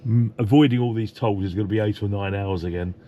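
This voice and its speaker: A man's voice: fairly low pitch, fast talker, dark tone, a little hiss or hum. A man chatting casually in a travel vlog from his motorhome, rambling with plenty of fillers and restarts. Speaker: vlogger. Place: motorhome on the road.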